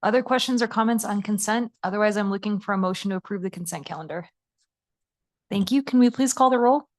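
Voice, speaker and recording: A woman from Wisconsin with a Wisconsin accent, chairing a public board meeting in a brisk, procedural way. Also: mid-range voice.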